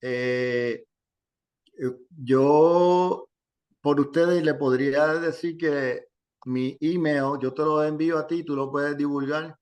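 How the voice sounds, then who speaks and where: A middle-aged man talks as a guest gynecologist, giving advice in a relaxed, educational way. He speaks slowly and deliberately, pausing often with fillers. His voice sits a little higher than most men's. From Puerto Rico. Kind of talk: casual educational talk.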